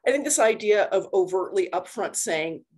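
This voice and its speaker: Speaking through a video call computer mic, this woman is a university lecturer delivering a casual slide talk and answering questions. Her voice is mid-range and animated, a bit dark in tone with a breathy edge, at a moderate pace, and she relies on everyday analogies in a chatty style.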